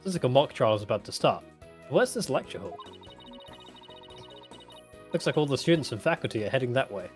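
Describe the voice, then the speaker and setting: A man's voice: medium pitch, big pitch swings, a little fast, pauses often, soft background music, natural voice. A man voicing an eager, cheerful young female attorney from a game, reading her lines with friendly energy. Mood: curious.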